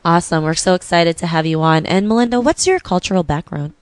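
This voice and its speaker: A woman hosts a podcast interview, chatting in a friendly, casual way and often dropping "you know" between thoughts. Her voice is on the low side, quick, and smooth, with no echo.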